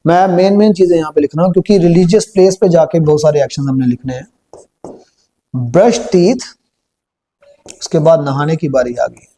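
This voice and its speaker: A man with a Punjabi accent teaching a spoken English lesson step by step, slowing down and repeating phrases while he writes them on a board. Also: on the high side, warm tone, slight background noise.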